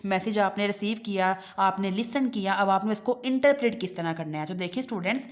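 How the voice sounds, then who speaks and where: A woman teacher giving an exam-prep lecture. She reads textbook lines slowly, then explains them in a conversational way and speaks directly to her students. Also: medium pitch. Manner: addresses the class directly as students.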